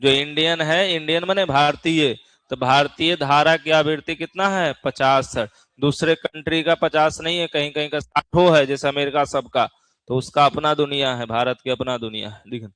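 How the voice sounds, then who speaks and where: A man's voice: a little high, steady tone, normal speed, fairly bright tone, clean tone, no echo. A middle-aged man with a Bihari accent teaching an exam-prep physics class in a folksy way, often checking in with his students. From Bihar, India.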